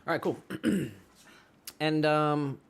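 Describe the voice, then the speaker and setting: Easygoing man doing stream shout-outs. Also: fairly high pitch, fairly even intonation, vocal fry, a little hiss or hum. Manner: easygoing, chatty, drawn-out fillers. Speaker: livestream co-host. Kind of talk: casual chat and chat shout-outs. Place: pottery studio.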